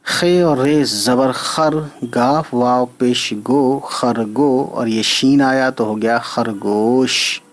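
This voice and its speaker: Working through a reading lesson, a male Urdu teacher speaks in a middle pitch at a slow, deliberate pace. Patiently, he sounds out every letter one by one and keeps asking "right?" to see whether it's understood.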